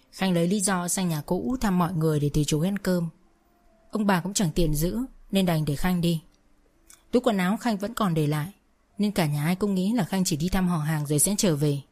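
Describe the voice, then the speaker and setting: A woman narrating a story with a steady, plain reading. Her voice sits on the lower side and stays even throughout.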